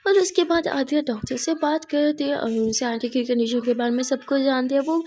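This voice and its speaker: A woman's voice: sits high, a little fast, darkish tone. A woman narrating a story casually, chatty and hesitant with fillers and restarts.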